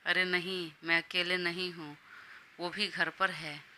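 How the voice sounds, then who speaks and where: A woman voicing a shy young wife and student who answers softly and briefly, in an audio story. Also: on the low side, level tone, unhurried, slight background noise.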